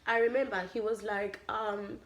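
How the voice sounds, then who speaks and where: A young South African woman with a medium-pitched voice at normal speed tells a personal story in a casual vlog. She's animated, acting out what people said and mixing in Zulu phrases.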